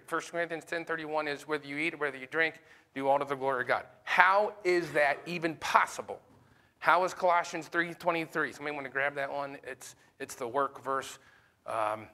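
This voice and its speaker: A man's voice: fairly high pitch, sharp tone. A man, a pastor, teaching a Sunday school class in a conversational way and often putting questions to the class. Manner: conversational, with fillers.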